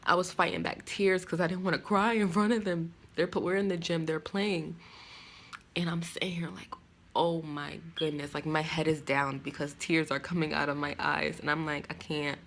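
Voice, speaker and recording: A woman's voice: deep voice, steady tone, moderate pace, a bit bright. A young woman in a casual vlog, telling a personal story candidly and quoting others with animation. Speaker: vlogger.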